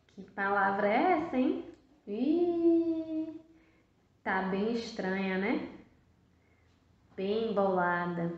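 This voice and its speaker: Woman, Brazilian Portuguese accent, first-grade teacher, slow sing-song delivery, very echoey room, muffled lo-fi recording. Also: fairly high pitch. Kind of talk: recorded video lesson for young children. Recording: very echoey, dull lo-fi sound.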